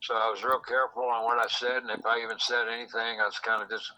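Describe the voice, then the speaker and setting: A man's voice: medium pitch, flat delivery, fast, sharp tone, low-quality recording. A man telling a rambling story in casual chat, quoting people in dialogue, recorded in a secretly taped conversation. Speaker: host.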